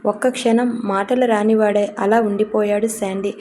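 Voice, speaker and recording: A woman narrates an audio story in a steady reading. Her voice is dark and mellow, with a flat pitch. A faint noise sits under the voice. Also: normal speed.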